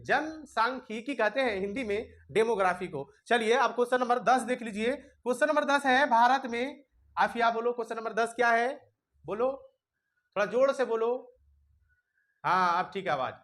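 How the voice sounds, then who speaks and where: A man's voice: extremely high pitch, fairly bright tone. Guy teaching class, chatty and scolding the kids. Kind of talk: classroom lesson. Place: classroom with students.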